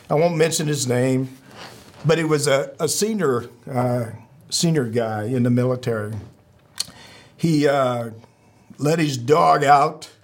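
A middle-aged male podcast host and veteran with a husky voice, speaking earnestly and haltingly as he exhorts his listeners in a sign-off. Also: medium pitch. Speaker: military veteran.

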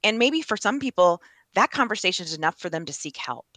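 A woman's voice: medium pitch, very animated, quick pace, fairly bright tone, dry recording. A woman guest in an interview, speaking in an earnest, emphatic and upbeat way. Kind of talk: casual interview.

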